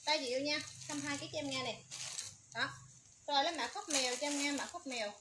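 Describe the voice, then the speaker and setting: A woman's voice: high voice, fast talker, background noise. A woman running a livestream sale, rattling off product codes and prices in a repetitive sales patter. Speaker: livestream seller.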